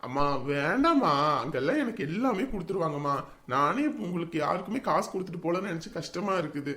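An actor playing a dutiful young man who gently reassures his family before leaving for the army. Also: sits high, lively intonation, fast, full character voice. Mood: reassuring. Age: young adult. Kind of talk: family drama acting.

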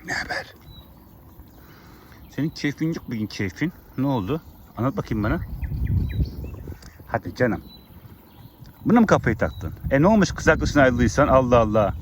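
A man's voice: medium pitch, animated, normal speed, long pauses, noisy background. A man talking outdoors to his farm animals, coaxing and scolding them fondly. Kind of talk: affectionate teasing talk to animals, vlog.

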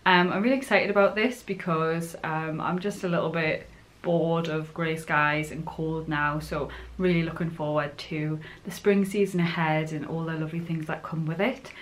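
A woman's voice: low-pitched, fairly even intonation, normal speed. A woman in her twenties with a Northern English accent, chatting casually and informally to camera as a vlogger. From Northumbria, northern England. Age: 20s. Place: furnished living room indoors.

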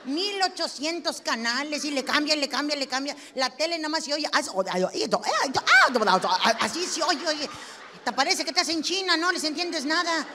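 A brash, foul-mouthed Mexican woman as a performer puts her on with a high, bright voice and a Mexican Spanish accent. She rattles off her stand-up monologue loud and sassy, swearing and throwing questions at the crowd. The sound has long hall reverb and faint noise. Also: a little fast. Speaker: stand-up comic.

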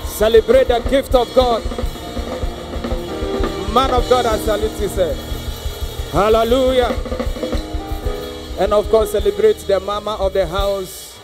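On stage in a big church hall, a man in his thirties with a Ghanaian accent preaches as a guest prophet, using a handheld mic to exhort the crowd and repeat lines for their response. His voice sits high, with fairly even intonation, a measured pace and frequent pauses. The live capture has long reverb and music behind him.

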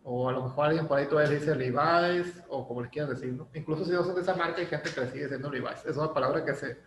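A man with a Mexican Spanish accent teaching an English lesson in a chatty way, using lots of fillers and tag questions. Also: on the high side. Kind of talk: casual classroom lesson. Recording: echoey room with faint ambient noise.

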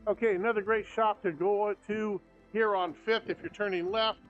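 An older male tour guide and travel vlogger talks his way through a casual shop tour, upbeat and chatty, while recording on a handheld camera. He has a high voice, a steady tone and a moderate pace. The setting is a small town's shops and streets, indoors and out, and faint music plays behind slightly dull audio.

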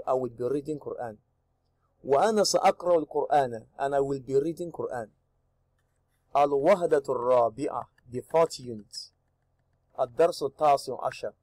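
Slow, deliberate man teaching Arabic. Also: medium pitch, darkish tone, no echo. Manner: reads each line in Arabic then gives the English, slow and deliberate. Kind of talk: language lesson, reading dialogues and translating.

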